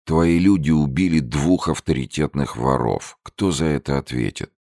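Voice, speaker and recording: A man's voice: a bass voice, normal speed, vocal fry, a little mellow, dry recording, clean studio sound, pitched above the performer's own voice. Man doing a cold, threatening gangster. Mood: menacing. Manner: curt, threatening slang. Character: menacing cold young male criminal enforcer.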